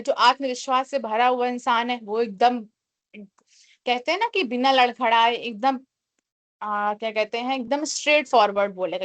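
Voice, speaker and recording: A woman teaching an online communication class, explaining in Hindi and reading English definitions slowly, often asking rhetorical questions. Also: high voice, fairly bright tone.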